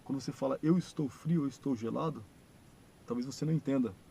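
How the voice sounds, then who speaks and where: A man with a Brazilian Portuguese accent teaching an English video lesson, explaining patiently and slowing down to model phrases. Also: medium pitch, gravelly, mellow, slight background noise, poor audio. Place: church classroom.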